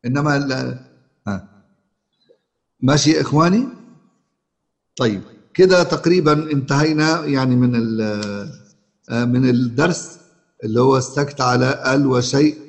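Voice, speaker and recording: A man's voice: mid-range voice, normal speed, gravelly, pauses often. A man with an Egyptian accent teaching Quran recitation rules, often asking his students questions and repeating himself. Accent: Egyptian Arabic. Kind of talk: colloquial Egyptian Arabic lesson. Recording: long hall reverb.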